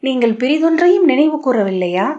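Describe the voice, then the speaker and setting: A woman's voice: high-pitched, big pitch swings, a little fast, mellow, voice pushed up. An anxious young woman, the daughter of a sage, presses with urgent, worried questions, as a woman reads her part. The audio is muffled and lo-fi. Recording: dull lo-fi audio.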